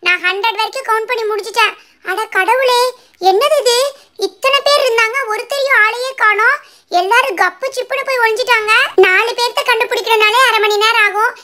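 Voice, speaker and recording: A woman voicing a bossy young schoolgirl who exclaims loudly as she seeks the others. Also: very high voice, fairly quick, a little hiss or hum. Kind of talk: cartoon voice acting.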